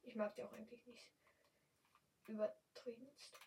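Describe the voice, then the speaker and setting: A young woman speaking standard German, chatting casually and excitably while commentating her gameplay. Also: fairly high pitch, normal speed, far from the mic, low-quality recording. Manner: chatty, excitable, yelps and exclaims often. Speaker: gamer streamer.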